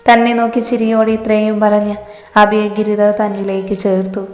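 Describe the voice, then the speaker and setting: A woman narrates a written story in a flat, level voice at a middling pitch. The sound is roomy, with a long hall-like echo and faint music underneath. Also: normal speed. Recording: reverberant room with faint music.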